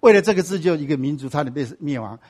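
A man's voice: fairly high pitch, lively intonation, fast, darkish tone. A man teaching a sermon-style Bible class. He keeps asking the class rhetorical questions and drops in English and Hebrew words.

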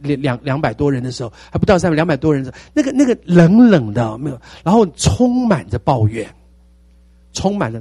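A man in his sixties with a Taiwanese Mandarin accent, a pastor telling his testimony in a sermon with animated storytelling and repeated phrases. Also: a little high, husky, no room sound. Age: 60s.

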